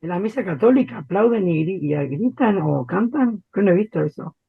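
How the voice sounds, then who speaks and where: A woman student giving her opinion slowly in an online class discussion. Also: medium pitch, lively intonation, vocal fry, breathy edge, phone-quality sound.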